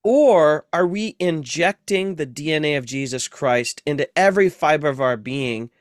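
A man's voice: a little high, moderate pace, no room sound, studio quality. A man who is a seminary professor, a guest on a podcast, explaining ideas patiently with everyday comparisons. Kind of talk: explanatory interview talk.

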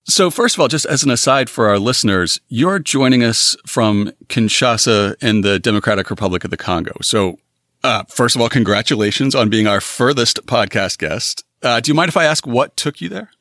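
Male podcast host, measured delivery, animated pitch, dry close sound. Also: no room sound. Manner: measured, reads announcements then asks questions. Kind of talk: scripted podcast intro and interview.

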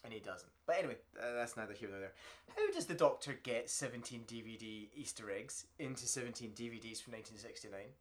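A man's voice: mid-range voice, fast talker. A man hosting a casual podcast chat, rambling with fillers and frequent laughs. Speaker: podcast host.

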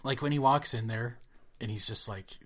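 A chatty young man in a casual podcast conversation, peppering his talk with "like" and slipping into quoted voices as he tells stories. His voice sits at an everyday mid pitch. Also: normal speed, a bit bright. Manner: chatty, acts out quotes, says "like" often. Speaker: podcast co-host. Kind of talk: casual chat.

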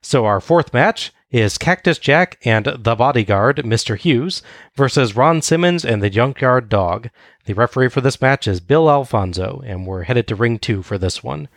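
Male podcast co-host, dry wry recap narration, mid pitch, dead-dry close mic. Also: expressive, normal speed, dry recording.

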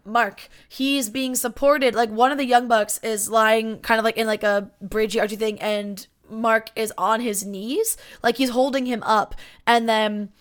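A woman's voice: a little high, steady tone, unhurried, hardly any pauses. A woman co-hosting a podcast, chatting casually and animatedly about a wrestling match, full of fillers and asides. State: yawning and hiccuping. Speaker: podcast co-host.

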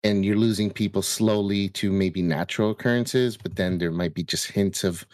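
A man's voice: low-pitched, steady tone, normal speed, darkish tone, no room sound, studio quality. A man co-hosting a podcast, sharing his thoughts in casual discussion. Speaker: podcast co-host.

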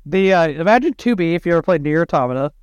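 A man's voice: a little high, rapid-fire, clear, resonant tone, no echo. A man hosting a podcast, chatting casually in slang and swearing, acting out quotes as he tells stories. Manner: animated, slangy, sweary retelling with acted-out quotes. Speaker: podcast host. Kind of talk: casual chat and storytelling.

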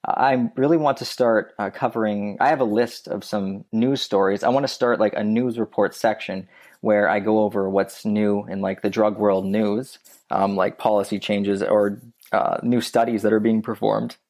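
A man's voice: fairly low pitch, fairly even intonation, normal speed, a little mellow. A man talking as a podcast guest in a casual, rambling way, with many restarts and fillers. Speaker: guest, YouTube creator.

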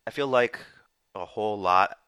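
A man's voice: fairly low pitch, moderate pace, sharp tone, clear, resonant tone, no echo. A man hosting a casual political podcast, recapping news with lots of fillers and restarts. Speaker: podcast host.

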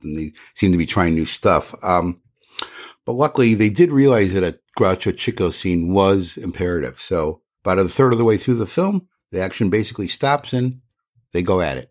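A man with a very low voice co-hosts a casual podcast discussion. He is chatty and opinionated and often breaks into laughter. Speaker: podcast host.

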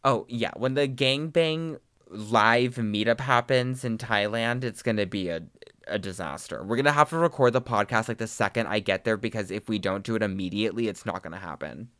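A man with heavy vocal fry and a camp, effeminate delivery, chatting casually as a podcast co-host. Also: on the low side, fairly quick, a bit bright, no echo, studio quality. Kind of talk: casual chat.

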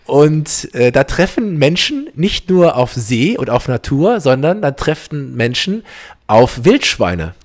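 A man's voice: medium pitch, sing-song, slow. A man hosting a casual podcast, talking loosely with many fillers and restarts. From East Belgium. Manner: chatty, many fillers and restarts, laughs easily. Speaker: podcast host. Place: podcast setup, Berlin.

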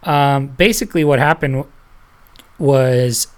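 A podcast host chats loosely with the panel, rambling between stories and laughing often. The voice sits at a middling pitch. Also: slow pace. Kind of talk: casual panel chat.

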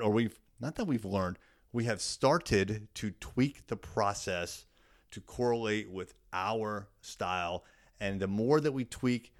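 A man giving a solo business talk as a podcast host, explaining in a coaching style with emphatic repetition of key words. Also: on the low side.

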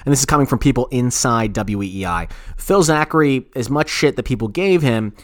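A man with an expressive mid-range voice, talking a little fast, co-hosts a podcast and riffs on sports radio with profanity, repetition and rambling explanations. The sound is clean studio audio with no room sound.

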